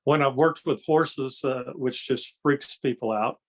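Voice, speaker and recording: An older man, an energy healer and kung fu master, is a guest on an interview show, speaking unhurriedly in a medium-pitched voice. He explains things in a folksy, conversational way, drifting into anecdotes and often adding little tags to make sure he's understood.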